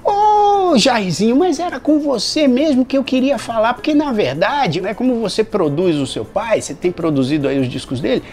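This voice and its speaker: A man voicing an eager male songwriter who calls to pitch his songs, pleading and insistent. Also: expressive, moderate pace, hardly any pauses, darkish tone, soft background music. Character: eager male songwriter caller, pushy and hopeful.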